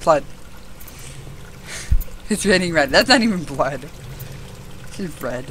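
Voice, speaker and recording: A woman's voice: low voice, lively intonation, takes it slowly, fairly bright tone, a little hiss or hum. Jittery, giggly woman playing a horror game. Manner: jittery, giggly, talking to herself. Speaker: gamer.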